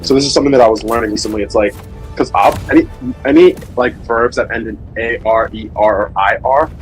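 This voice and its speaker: On a low-quality recording with music in the background, a livestream host who speaks Somali as his first language chats casually about language learning. His voice sits on the low side, and he talks fast, explaining things informally in a hesitant, rambling way.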